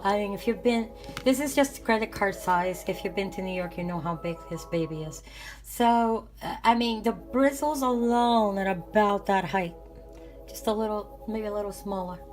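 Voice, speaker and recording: A raspy-voiced woman, worn out with bronchitis, chats casually in an ASMR unboxing vlog, rambling and often correcting herself. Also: medium pitch. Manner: rambling, hesitant, self-correcting. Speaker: art supply vlogger.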